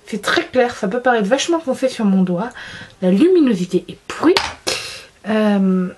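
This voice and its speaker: A woman's voice: mid-range voice, expressive, moderate pace, a little mellow, slightly rough. A young woman chatting casually about her favorite makeup, giggling, restarting sentences and poking fun at herself. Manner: chatty, giggly, self-deprecating, frequent restarts. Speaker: beauty vlogger.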